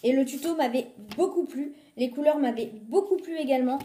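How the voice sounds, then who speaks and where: A woman's voice: sits high, brisk, dark tone, roomy sound, slight background noise. A woman chatting casually through a shopping haul video filmed on a phone at home, with many fillers as she lists prices. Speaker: vlogger showing a shopping haul.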